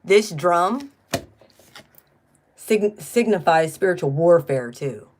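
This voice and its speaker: A woman's voice: lowish voice, animated, slow, darkish tone, slight background noise. A middle-aged woman doing a casual spiritual card reading, chatty and blunt, who swears freely when she gets riled. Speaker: tarot card reader.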